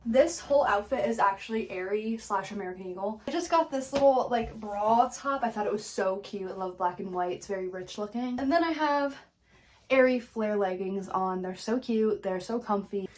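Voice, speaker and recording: A young woman influencer vlogs casually from her bedroom and bathroom at home, talking to the camera at normal speed in a mid-range voice. She's chatty and fills her sentences with "like."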